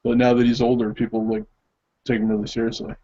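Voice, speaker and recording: A man's voice: medium pitch, level tone, fast, mellow. Rambling, hesitant man, muffled audio. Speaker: co-host of a movie commentary. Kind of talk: casual group chat.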